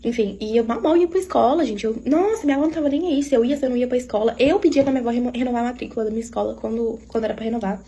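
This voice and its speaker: A woman with a Minas Gerais accent tells her own life story in a casual, confiding way. She talks very quickly in a mellow, fairly high voice, with a faint hum of background noise. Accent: Minas Gerais Portuguese. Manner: confiding, keeps addressing listeners directly.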